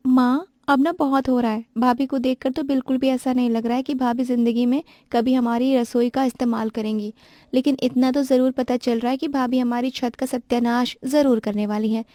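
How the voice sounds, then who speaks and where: A woman's voice: high voice, steady tone, moderate pace, mellow, no echo, studio quality, lightly acted. A woman voicing a complaining young sister-in-law who nags and pleads with her mother and brother's wife.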